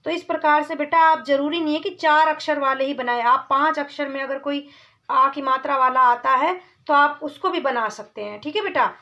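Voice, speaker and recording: A woman teaching a children's reading lesson, calling the children "beta" and drawing out each word slowly before she repeats it. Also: high voice, pushed and bright, highs cut off.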